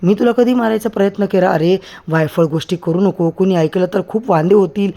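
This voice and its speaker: A man's voice: sits high, a little fast, dark tone. A man voicing a stern, scheming mother who scolds her drunk brother. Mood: scolding.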